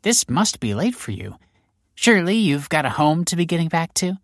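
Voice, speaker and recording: In this audiobook character voice, a man performs a breezily sarcastic policewoman who teases people with mock courtesy, keeping things playful. He sits a little high, above his own natural pitch, with big swings in intonation at a moderate pace. The studio recording is clean and echo-free.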